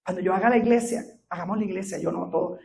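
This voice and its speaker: A middle-aged Puerto Rican woman pastor preaching a sermon, telling a personal testimony that builds to fervent shouting. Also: on the low side, fast talker, creaky. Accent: Puerto Rican Spanish. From Puerto Rico.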